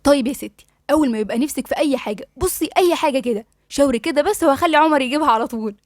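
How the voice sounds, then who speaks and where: A woman's voice: high-pitched, racing, no room sound, studio quality, lightly acted. A woman with an Egyptian accent voicing an affectionate, coaxing young woman friend in an audiobook. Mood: teasing. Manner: coaxing and teasing. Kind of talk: audiobook dialogue reading.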